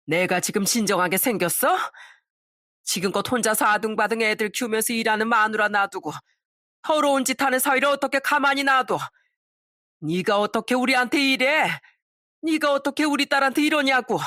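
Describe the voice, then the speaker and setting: A woman voicing a fierce older mother who loudly scolds her son-in-law in a story drama. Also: medium pitch, fairly even intonation, fairly quick, dry recording, studio quality, natural voice. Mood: enraged. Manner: loud, scolding.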